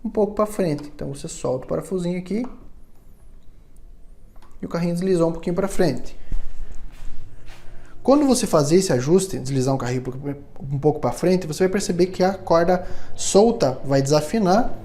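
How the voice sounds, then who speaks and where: A man's voice: high-pitched, lively intonation, normal speed, long pauses, warm tone. A man, giving a patient, step-by-step hands-on tutorial in a luthier's workshop and checking in often with his viewers. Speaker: luthier instructor.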